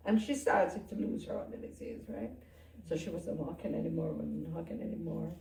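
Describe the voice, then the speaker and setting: A woman pastor talking candidly in an interview, soft-spoken. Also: low-pitched, moderate pace, vocal fry. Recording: roomy sound from a distant mic.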